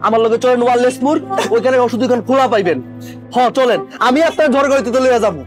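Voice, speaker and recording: A brisk urging rickshaw puller. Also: male voice, extremely high pitch, music in the background. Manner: coaxing, dialect words. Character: helpful rickshaw puller with rough local speech.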